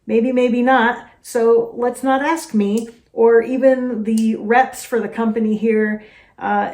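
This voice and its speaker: A woman's voice: on the high side, darkish tone. An American woman hosting a vlog, chatty and self-deprecating with frequent fillers. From United States. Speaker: host. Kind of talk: casual vlog talk to camera. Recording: roomy echo.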